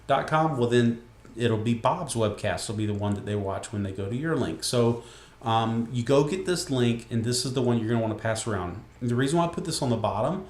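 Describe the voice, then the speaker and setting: A man's voice: mid-range voice, darkish tone. A man walking viewers through a web page in a casual screen-recorded tutorial, folksy and joking as he goes. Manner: chatty and folksy, with jokes and asides. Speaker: software tutorial presenter. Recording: echoey room.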